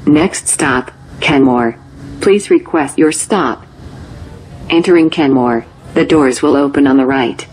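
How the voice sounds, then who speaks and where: A woman giving recorded onboard train announcements in a clear, formal way. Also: deep voice, slow, background noise. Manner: clear, formal, evenly spaced phrases. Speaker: transit announcer. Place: on board a subway train.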